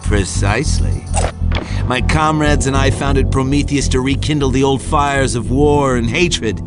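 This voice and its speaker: An actor playing a smug, bitter traitor and terrorist mastermind in a video game cutscene, sneering and theatrical. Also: male voice, mid-range voice, a little slow, lightly acted. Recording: music behind the voice.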